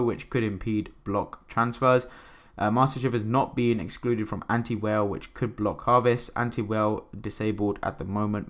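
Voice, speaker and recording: A man's voice: on the low side, a bit bright. A man hosting a casual screen-share review, rambling with many fillers and restarts and often tagging "right?" onto his points. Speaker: crypto channel host.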